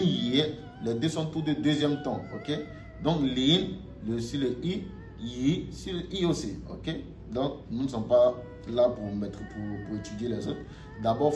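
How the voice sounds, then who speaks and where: A man teaching Mandarin tones in a video lesson, speaking slowly, often checking "ok?" and repeating syllables loudly for drills. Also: mid-range voice. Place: lives in China. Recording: echoey room, faint music.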